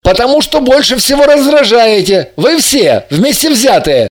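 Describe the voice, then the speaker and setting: Lady doing a cocky young guy, fairly high for a man, lots of swing in the voice, audiobook. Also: sing-song, a little slow. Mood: blunt. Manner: gruff, blunt, mocking. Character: brash sardonic young man. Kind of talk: audiobook character voice.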